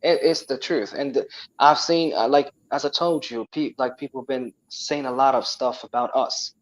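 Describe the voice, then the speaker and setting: A young man with a Moroccan accent who speaks Tamazight chats casually as a guest, animated and full of restarts and repeated words. His voice is medium in pitch at a normal speed, and the recording is rough.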